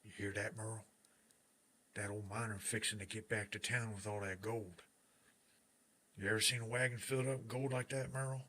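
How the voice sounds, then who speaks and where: Scheming Old West bandit, played by a man, bright hard-edged voice, drawling, bossy and greedy, for a Western drama. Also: on the low side, steady tone, moderate pace, pauses often. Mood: greedy, conspiratorial. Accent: American Old West drawl. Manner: folksy, commanding, conspiratorial. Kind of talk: Western audio drama acting.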